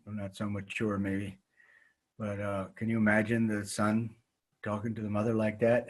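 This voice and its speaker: A man teaching a qigong class, talking frankly and reflectively with his students. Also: lowish voice. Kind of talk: group class discussion.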